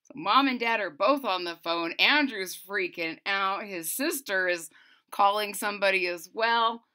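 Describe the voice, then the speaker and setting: Indoors in a small furnished room at home, a woman of roughly thirty to forty reads a children's story with expression, adding chatty asides for young listeners. Her mid-range voice has a sharp tone and moves at a measured pace.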